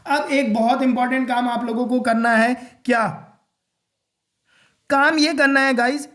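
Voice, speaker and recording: A man giving a casual exam-prep lesson, repeating his points and checking in with "okay?" and "clear?". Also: very high voice, fairly bright tone, reverberant. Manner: repeats points, addresses viewers as guys and friends.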